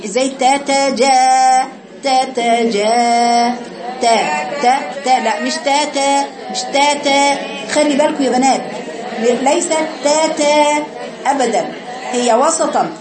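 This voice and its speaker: High-voiced Egyptian woman teaching recitation. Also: echoey room. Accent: Egyptian Arabic. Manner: patient, demonstrates sounds by chanting them. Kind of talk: tajweed lesson, correcting students.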